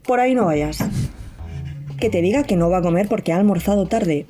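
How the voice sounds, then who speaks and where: Deadpan Spanish woman talking through braces. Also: mid-range voice, a little fast, music in the background. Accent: Spanish from Spain. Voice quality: talking with new braces, slightly impeded speech. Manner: deadpan, sardonic. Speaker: guest contributor to a podcast. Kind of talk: comedic scripted monologue, reading a list.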